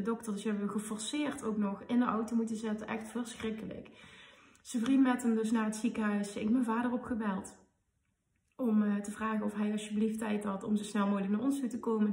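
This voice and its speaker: Woman, thirties, podcast host, animated emotional storytelling, gravelly, roomy. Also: fairly high pitch. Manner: emotional, animated retelling with quoted dialogue. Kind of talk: personal storytelling. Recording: roomy, slightly distant mic.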